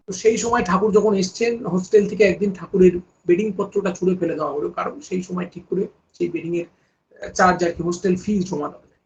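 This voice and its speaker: A man giving a devotional discourse, telling stories and putting rhetorical questions to his listeners. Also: high-pitched. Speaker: devotional speaker. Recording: dull lo-fi recording.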